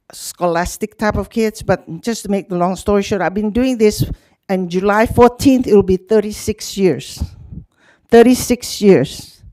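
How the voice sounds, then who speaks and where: An older woman, addresses a public meeting in an animated, talkative way. Her voice sits at an ordinary pitch. The sound is dry and close. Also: no room sound. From Hong Kong, grew up in Indonesia. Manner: animated, talkative, frequent laughs. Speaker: nonprofit youth program leader. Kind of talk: speaking at a public city meeting.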